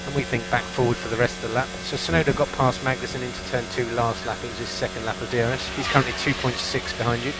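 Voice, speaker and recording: A man's voice: mid-range voice, level tone, quick pace, hardly any pauses, over loud music, rough recording. A man working as a race engineer, giving concise, repeated instructions over race car team radio. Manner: concise, repeats key calls.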